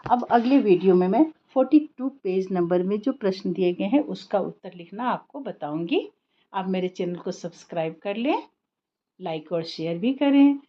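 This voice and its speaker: A woman's voice: medium pitch, expressive, normal speed. A woman teaching a children's lesson, speaking patiently and explaining step by step with questions to her pupils. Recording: slightly dull lo-fi recording.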